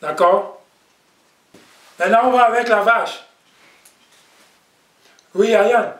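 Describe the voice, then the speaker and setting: A man's voice: high voice, slow pace, a bit bright. A man teaching a language class, patient, repeating each word and checking in with "ok?". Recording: echoey room, distant mic.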